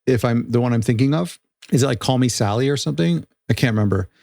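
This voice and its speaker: A man talks through a song ranking in a casual reaction commentary, with a gravelly edge to his voice. He rambles and corrects himself mid-sentence, and the recording is close and dry with no room sound. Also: mid-range voice, lively intonation, quick pace, a little mellow, dry recording. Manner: rambling, frequent restarts and self-corrections. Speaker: music reaction channel host.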